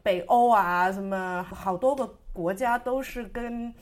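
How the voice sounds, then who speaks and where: A woman's voice: medium pitch, measured pace, crowd noise. A woman co-hosting a casual discussion who explains things at length with light laughter. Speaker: podcast co-host.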